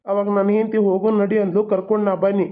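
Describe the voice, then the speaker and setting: Guy doing an older village man, north karnataka kannada accent, flat monotone, tinny phone sound. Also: sits high, lightly acted. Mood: advising. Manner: slow, level, matter-of-fact. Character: older village man giving practical advice.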